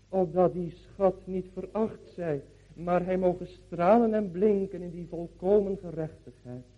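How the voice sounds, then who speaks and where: A man with a husky voice, a pastor leading solemn prayer and liturgy in church, phrasing deliberately and repeating for emphasis. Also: on the high side. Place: church during a morning service. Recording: dull, muffled church service recording.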